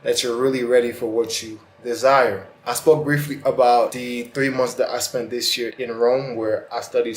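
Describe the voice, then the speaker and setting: This self-help vlog host has a mid-range voice, heard through poor, reverberant audio. Addressing the viewer directly, he gives a casual, earnest motivational monologue in colloquial terms, his speech slightly lisped and slurred by a retainer.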